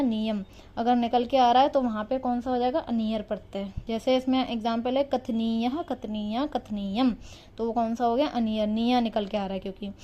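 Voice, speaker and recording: Mellow woman teaching, self-quizzing. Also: a little high. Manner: asks questions then answers them herself; repeats key terms with ok checks. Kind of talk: explaining Sanskrit grammar lesson. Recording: dull lo-fi recording.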